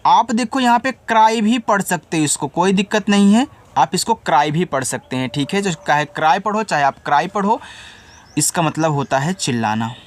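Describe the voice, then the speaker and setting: A man from India with a high, expressive voice gives an English spelling lesson at a moderate pace. He spells words out letter by letter and then patiently explains how to read them.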